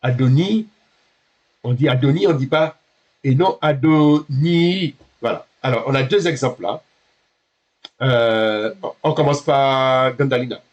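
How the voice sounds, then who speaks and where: A man with a medium-pitched voice teaches a beginner Hebrew class, speaking haltingly and correcting himself. He patiently checks that his students understand, and the audio is dull.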